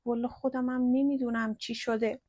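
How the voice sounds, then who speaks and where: A woman's voice: on the high side, flat delivery, a little mellow, no echo, close to an everyday voice. A woman voicing a frightened young woman who pleads in a shaky, urgent voice in a spoken storybook. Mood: tearful.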